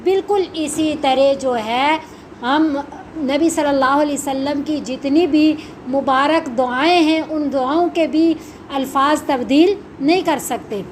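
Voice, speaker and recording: A woman's voice: sits high, a little hiss or hum. A woman Quran teacher explaining a religious lesson, asking and answering her own questions. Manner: slow, measured recitation of Arabic supplications.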